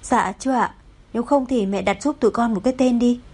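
A woman voicing a young new mother who talks softly and playfully. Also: a little high, fairly quick, husky. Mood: tender. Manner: soft, playful.

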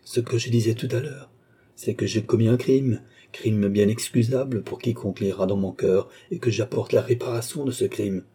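A man's voice: lowish voice, steady tone, moderate pace, warm tone, breathy edge. A man doing a remorseful pleading young suitor. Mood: desperate. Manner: pleading, earnest, intense. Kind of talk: audiobook character voice.

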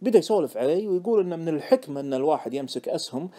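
A man narrating an audiobook in the first person with expressive storytelling. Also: on the high side, very fast.

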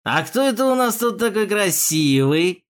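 A man's voice: on the high side, very animated, normal speed. A man voicing a mocking, crude male police thug with a jeering manner in an audiobook. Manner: jeering, sneering, loud.

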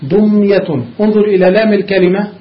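A man with a high voice leads a classroom grammar lesson. He keeps asking his students rhetorical questions and drills word forms one after another. The recording is dull and lo-fi. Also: brisk. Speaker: sheikh teaching Arabic grammar.

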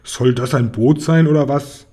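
A man's voice: medium pitch, normal speed, dark tone, natural voice. A man doing a grumbling grumpy hippo. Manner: grumbling, gruff.

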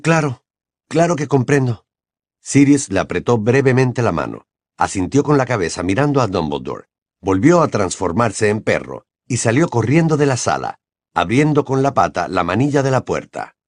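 A man narrating an audiobook with an expressive reading voice. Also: lowish voice, moderate pace, dry recording, studio quality. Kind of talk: scripted narration.

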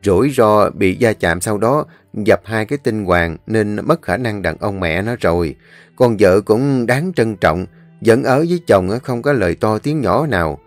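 A man's voice: on the low side, lively intonation, a little slow, no echo, faint music behind. A man voicing a stern, protective elderly village landlord with a firm, commanding manner. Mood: explaining.

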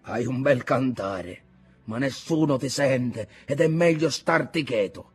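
A man voicing a young fisherman straining at the oars in a storm, out of breath and shouting desperately. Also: mid-range voice, expressive, takes it slowly, soft background music. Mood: stern hush.

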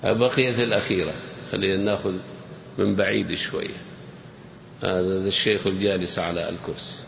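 Guy teaching grammar, playful and teasing, low gravelly voice, hall echo and a little hiss. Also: steady tone, a little fast, a bit bright. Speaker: teacher quizzing the audience. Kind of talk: interactive grammar lesson. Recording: echoey hall with faint noise.

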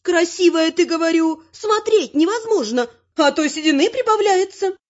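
A woman voicing a spry, sharp-tongued, bossy old grandmother in a brisk, scolding way. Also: extremely high pitch, lively intonation, pitched above the performer's own voice. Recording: muffled lo-fi recording.

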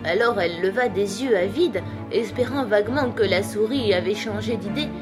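A woman narrating a children's classic as an audiobook in a measured, clear manner. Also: mid-range voice, music in the background. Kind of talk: audiobook reading.

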